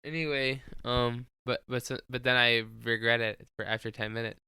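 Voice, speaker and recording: A man's voice: medium pitch, fairly even intonation, moderate pace, very noisy. A young man co-hosting a podcast, joking around in loose, slangy talk. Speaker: podcast co-host. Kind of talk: casual chat.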